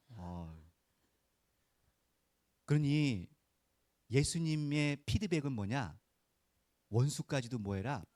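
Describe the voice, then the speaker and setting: His voice sits on the high side and sounds a little mellow, with no echo in the recording. Preaching an informal Sunday sermon, this pastor takes a folksy, conversational approach, repeatedly posing quick rhetorical questions and prompting responses.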